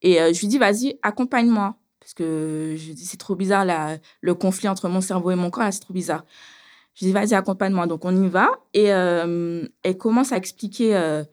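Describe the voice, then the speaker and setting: A woman as an interview guest, telling her own story in casual conversation, animated and hesitant, often repeating herself. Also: lowish voice, moderate pace, smooth. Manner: animated, hesitant with frequent fillers and repetitions.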